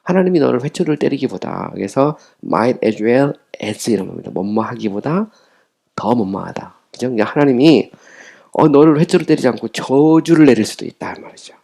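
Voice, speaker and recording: A middle-aged man, a professor lecturing on a theology text who reads English lines slowly and explains them with tag questions. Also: mid-range voice, animated, creaky, mellow.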